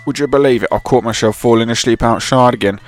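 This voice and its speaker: A man voicing a cheerful, rough-spoken older man in a put-on London-style accent, clipping his word endings, over faint game music. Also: medium pitch, fast, natural voice. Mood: chatty. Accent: put-on London-ish clipped accent. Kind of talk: reading game dialogue aloud.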